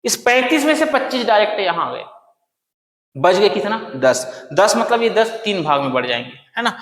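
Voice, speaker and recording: A male teacher giving an exam-prep lecture, asking questions and answering them himself, and slowly repeating key phrases. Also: sits high, pushed and bright. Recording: echoey room with long reverb.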